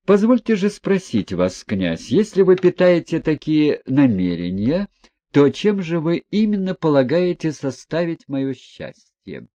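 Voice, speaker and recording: A man's voice: fairly high pitch, huge pitch swings, normal speed, dry recording, voice pushed up, full character voice. A male audiobook reader voicing a proud young noblewoman who teases and questions imperiously. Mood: mocking. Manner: sharp, teasing, imperious.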